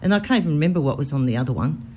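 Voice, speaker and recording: A woman's voice: low voice, expressive, racing, dark tone, breathy edge. An Australian woman co-hosting a local radio show, joking and self-deprecating. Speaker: radio co-host. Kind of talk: casual radio chat.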